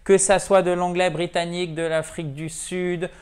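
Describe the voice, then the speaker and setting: A French-speaking man giving a video lesson on English pronunciation, drilling words slowly and repeating them. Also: high voice, flat delivery, darkish tone, smooth.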